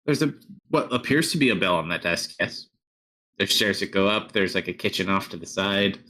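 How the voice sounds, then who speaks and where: A man's voice: low voice, expressive, moderate pace, pushed and bright. A man acting as game master, casually improvising narration and talking with his players.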